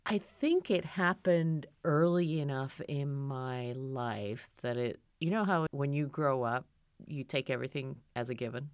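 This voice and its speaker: A middle-aged Japanese woman who heads a foundation speaks as a guest in a casual interview, thoughtful and conversational with lots of fillers. Her bass voice is clean, her pace measured, and the recording is dry and studio quality.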